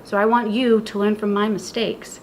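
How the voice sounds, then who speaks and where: A woman's voice: medium pitch, flat delivery, normal speed, a little hiss or hum, rough recording. A young woman giving a casual, heartfelt message as a sorority big sister, earnest and rambling. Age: young adult.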